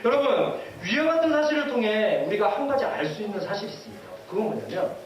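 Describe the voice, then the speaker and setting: A male pastor preaching a sermon in a church, lively and often asking the congregation questions and leading them in readings. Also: sits high, quick pace, muffled recording. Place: church sanctuary. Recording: echoey hall from far off, faint hiss.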